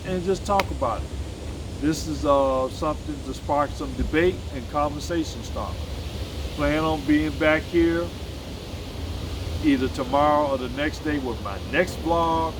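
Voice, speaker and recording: A US man in his sixties, a vlogger and musician, speaks in a mid-range voice over some background noise. Alone on camera in a casual vlog, he rambles about his life, corrects himself, and adds blunt, emphatic remarks.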